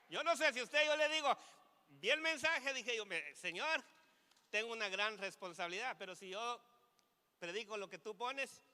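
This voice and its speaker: A man, a pastor, preaching a sermon, reading scripture slowly and growing fervent as he goes. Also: high voice, bright, forceful tone, long reverb tail. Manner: preaching with rising fervor, reads scripture slowly. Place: church.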